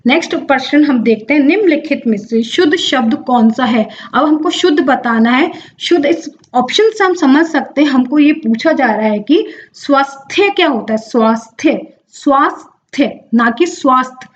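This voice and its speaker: A woman's voice: sits high, lively intonation, moderate pace, few pauses, dull audio. A young woman teaching an exam-prep lesson, explaining step by step, drawing out words and answering her own questions. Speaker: Hindi exam tutor.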